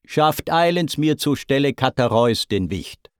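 A man voicing a proud, hot-tempered male sea god, declaiming loudly in raised pitch in a dramatic verse reading. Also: animated, unhurried, smooth, dry recording, studio quality, lightly acted. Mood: commanding.

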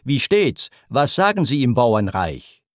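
A man voicing a fussy, complacent old king who speaks in slow, pompous pronouncements. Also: medium pitch, big pitch swings, no room sound, studio quality.

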